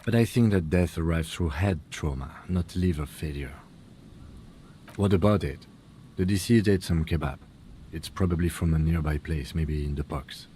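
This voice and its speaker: A man voicing a calm, methodical police lieutenant in a detective game, with a measured, precise, matter-of-fact way of speaking. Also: sits low, a little hiss or hum, lightly acted. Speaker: police partner. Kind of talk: game voice acting.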